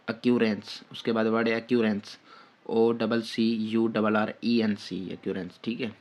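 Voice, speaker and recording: A man with a Pakistani Urdu accent teaches spelling for an exam. He spells each word out letter by letter in a slow, unhurried rhythm, in a lowish voice that barely rises or falls. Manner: slow, repetitive dictation with frequent "theek hai" fillers. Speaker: test-prep teacher. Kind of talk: spelling lesson, dictating letter by letter.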